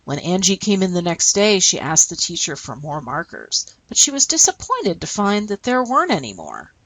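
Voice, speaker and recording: A woman teacher walks through a lesson in a lively voice that rises and falls, pausing to check her listeners are following with a quick "okay?". Her voice sits a little low for a woman. The recording is close and dry, with no room sound. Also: no room sound, poor audio.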